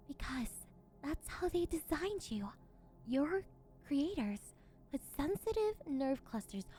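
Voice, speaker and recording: A woman performs a possessive yandere villainess in an audio ASMR role-play. Her voice is high and swoops widely, slipping between sugary, teasing coos and unhinged, domineering commands, with music underneath. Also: dark tone. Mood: teasing, controlling. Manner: cooing, teasing baby-talk turning domineering, unhinged villain. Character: possessive, gleefully unhinged yandere woman, condescending captor of catboy.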